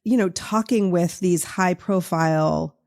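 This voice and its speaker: A woman from the US East Coast with a Boston accent, hosting a podcast in a relaxed, reflective conversational way. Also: fairly low pitch, unhurried. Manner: relaxed, reflective, many fillers. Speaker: podcast host. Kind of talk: conversational interview.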